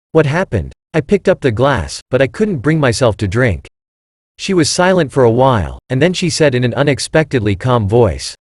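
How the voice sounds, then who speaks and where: A man narrating a first-person story in a steady storytelling read. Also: medium pitch, no echo, studio quality.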